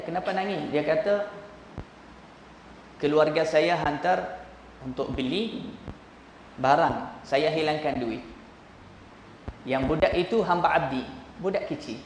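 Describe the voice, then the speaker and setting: A man from Malaysia preaching in a prayer hall, his voice a little high and ringing with a long echo. He tells stories in a lively way and acts out the voices of the people in them. A faint hum of the room sits behind him. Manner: animated storytelling, acts out voices in quotes. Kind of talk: sermon storytelling.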